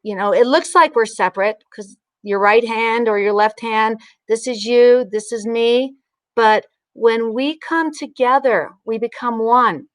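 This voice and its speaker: Slow-paced woman guiding mindfulness. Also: on the high side, smooth, no echo. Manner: unhurried, instructional, with pauses. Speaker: mindfulness and breathing teacher. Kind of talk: guided breathing meditation and informal spiritual talk.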